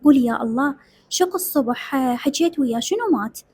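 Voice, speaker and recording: A woman's voice: sits high, fast, a little mellow, breathy edge. A woman voicing a worried young male cousin on the phone, with an Iraqi accent, firing off anxious questions. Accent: Iraqi Arabic.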